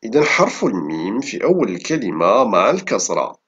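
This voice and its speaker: A male teacher dictating a spelling lesson in a forceful, bright voice with lively swings of pitch. He repeats words and syllables deliberately, breaking them down piece by piece for learners. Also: breathy edge, dull audio. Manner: instructional, enunciating syllable by syllable. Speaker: Arabic reading and spelling teacher.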